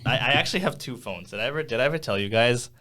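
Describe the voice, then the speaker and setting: A man's voice: mid-range voice, animated, racing, sharp tone. A young man co-hosting a podcast in a small studio, rambling casually with lots of fillers and laughs. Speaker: podcast co-host. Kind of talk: casual chat. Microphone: studio condenser mic.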